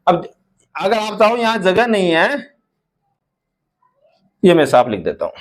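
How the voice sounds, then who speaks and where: Slow-spoken high-voiced Indian man teaching. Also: big pitch swings. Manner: addresses viewers as son and daughter. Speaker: English teacher. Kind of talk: classroom-style grammar lesson.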